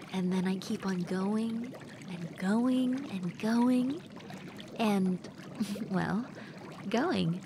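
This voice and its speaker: A woman voices a young woman relaxing with her crush in a roleplay, her medium-pitched speech slow, intimate and lightly teasing, with a friendly, musing mood. Steady running water from a bubbling hot tub is plainly audible underneath her.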